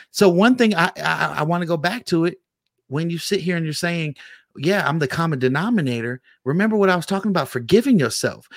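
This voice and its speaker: A man's voice: a little high, no echo, clean studio sound. A man co-hosting a motivational talk, preaching in emphatic, repetitive phrases. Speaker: co-host.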